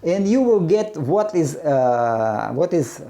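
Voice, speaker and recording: Halting, gravelly-voiced man. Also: on the high side, very animated, mellow. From Ukraine. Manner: halting, with many restarts and filler sounds, blunt and opinionated. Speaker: presenter of a self-run research project. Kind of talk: casual unscripted monologue.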